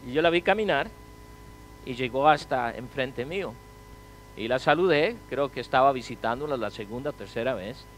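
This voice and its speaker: A man preaching a sermon as pastor, asking the congregation rhetorical questions and swinging from loud to quiet. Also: medium pitch, lively intonation, normal speed, slight background noise, rough recording.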